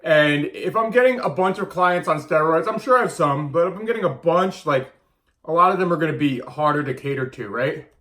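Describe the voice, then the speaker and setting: A man's voice: on the high side, animated, brisk, fairly bright tone. A man in his thirties talking casually to camera as a vlogger and diet coach, blunt and emphatic, often repeating his points. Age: 30s.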